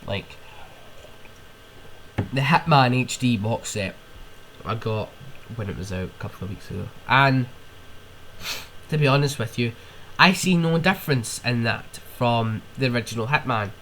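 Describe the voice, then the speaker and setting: Speaking a little slowly in an animated, mid-range voice that's a bit bright, a young man with a cold hosts a podcast by himself, with slight background noise. He rants in rambling, casual chat, sniffing and swearing.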